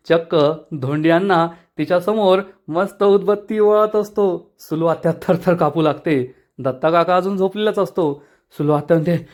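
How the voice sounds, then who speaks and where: A man casually retelling a TV serial episode, brisk storytelling with personal asides. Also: on the high side, a little mellow. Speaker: serial recap narrator.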